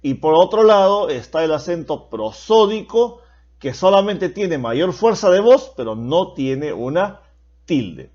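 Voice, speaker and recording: A man with a fairly high, animated voice gives a slow, patient lesson, repeating key points so students follow. The recording sounds dull and lo-fi. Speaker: teacher.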